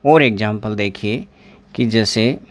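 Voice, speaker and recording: A man's voice: on the low side, unhurried, dry recording. A man teaching an exam-prep pronunciation lesson, repeating words and asking his class questions as he writes at a board.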